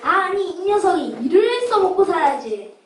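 A pompous, blustering villain of a rich old man, acted by a woman for a children's puppet play. The voice is very high and theatrical, recorded in a roomy space at some distance. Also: sing-song, a little fast. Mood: gloating, scornful. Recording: roomy, distant miking with background hiss.

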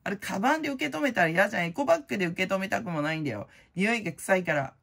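A middle-aged woman hosting her own channel, chatting casually in a blunt, slangy way full of fillers, and loud-voiced by her own account. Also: mid-range voice, animated, rapid-fire, gravelly. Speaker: prize-winning vlogger host. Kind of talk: casual chat.

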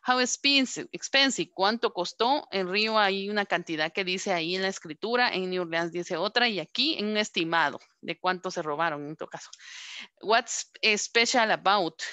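A woman with a Guatemalan Spanish accent teaching an English class online. She asks questions and answers them herself, and she draws out English words slowly to model their sounds. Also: medium pitch, bright, forceful tone, dry recording. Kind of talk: recorded online class lesson.

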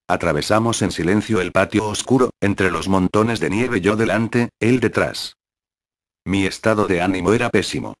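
Male narrator, audiobook reading, deep low voice, dry close-miked sound, measured and steady. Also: no echo. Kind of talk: scripted narration, first-person memoir reading.

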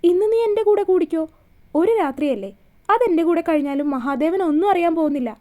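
A woman's voice: extremely high pitch, lively intonation, a little fast, mellow. A woman voicing a cruel young man who holds a woman captive, in a mocking, menacing way.

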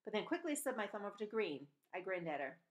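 This is a medium-pitched, fast-talking woman in her forties giving an expressive storybook reading of a novel. She sounds animated but trips up here and there before correcting herself. The audio comes from a computer webcam mic at desk distance in a small indoor room at home.

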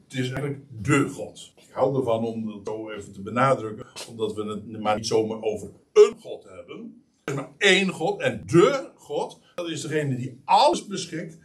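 A man preaching a sermon, emphatic and animated, with frequent pauses and restarts. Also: medium pitch, far from the mic, a little hiss or hum. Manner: lively, emphatic preaching with many hesitations. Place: church meeting hall.

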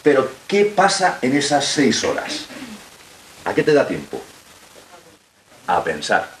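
A man's voice: mid-range voice, huge pitch swings, takes it slowly, a bit bright. A man giving a talk to young listeners, telling a survival story and asking rhetorical questions. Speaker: guest speaker. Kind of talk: motivational talk to young audience. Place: local hall with audience. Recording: roomy hall, faint background hiss.

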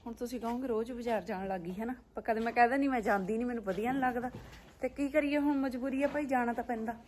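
A Punjabi-accented woman with a high, piercing pitch talks casually through farm chores for a family vlog. She is dramatic, exclaiming and scolding as she goes. There is some noise around her voice. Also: steady tone, racing, a little mellow. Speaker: family vlogger.

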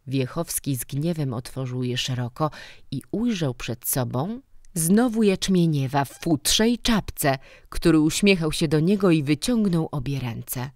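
Low-voiced, slow woman narrating a book. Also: a little mellow, dry recording, clean studio sound. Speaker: audiobook narrator. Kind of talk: scripted audiobook narration.

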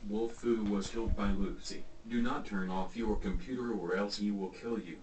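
A fumbling cartoon wolf announcer, played by a man, reads warnings in a flat, monotone manner. The voice sits low and sounds echoey, as if picked up from across a room. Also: normal speed, recorded from a distance, a little hiss or hum, close to an everyday voice. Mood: monotone announcing. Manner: flat announcer delivery that keeps fumbling lines. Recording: echoey, from off the mic.

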